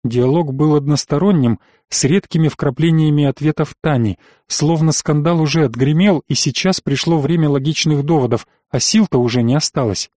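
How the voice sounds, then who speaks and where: A man narrating a first-person fantasy audiobook in a measured, tense storytelling manner. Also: on the high side, mellow, dry recording, studio quality.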